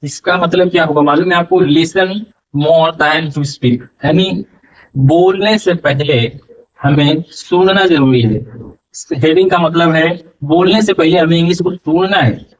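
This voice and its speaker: Slow, distant teacher. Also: male voice, on the high side. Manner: slow, drawn-out dictation of English words; switches between Hindi and halting English. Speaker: English teacher. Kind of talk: spoken English lesson. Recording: distant from the mic.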